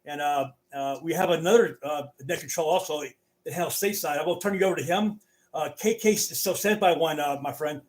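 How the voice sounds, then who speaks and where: A man runs an amateur radio net in a casual, conversational way. His voice sits a little high, and he talks haltingly, often repeating words as he goes.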